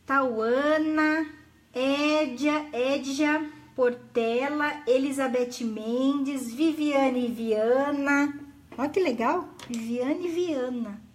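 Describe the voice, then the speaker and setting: A woman's voice: high voice, drawn-out words. A middle-aged woman, hosting a live craft tutorial in a chatty, affectionate way and greeting viewers by name. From Brazil.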